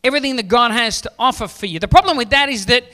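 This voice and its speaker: With a very high-pitched voice, a quick pace and a sharp tone, a forties-aged pastor preaches from a church stage into a handheld mic. He starts by joking with the audience and moves on to pressing questions.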